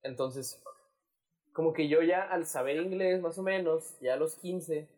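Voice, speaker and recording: A man's voice: on the high side, measured pace, a little mellow, rough recording. A young man, chatting casually as a podcast co-host and telling stories with many restarts. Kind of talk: casual chat.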